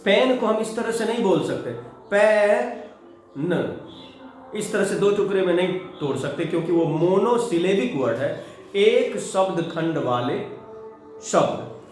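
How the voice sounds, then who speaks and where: A man with an Indian accent teaching English vocabulary, drawing out words slowly as he explains them. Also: sits high, expressive, darkish tone. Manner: slow drawn-out word spelling. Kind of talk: vocabulary lesson. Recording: very echoey room with faint music.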